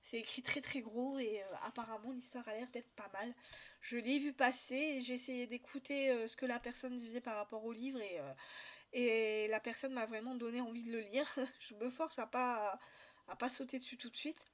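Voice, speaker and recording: Lady booktuber rambling about her book haul, lots of euhs, a bit high voice. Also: fairly even intonation, moderate pace. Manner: hesitant, many fillers and restarts. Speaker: book vlogger. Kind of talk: casual book haul chat.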